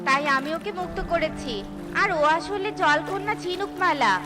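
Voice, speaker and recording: A woman's voice: very high voice, normal speed. A woman voicing a kind, protective little female bird in a children's cartoon, speaking in an earnest, reassuring way. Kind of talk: children's cartoon story acting. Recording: music under the voice.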